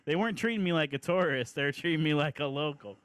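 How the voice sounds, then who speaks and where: Smooth-voiced laid-back man on a podcast. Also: fairly high pitch, quick pace, a bit bright, dry recording. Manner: laid-back, slangy storyteller. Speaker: podcast co-host. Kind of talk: casual chat.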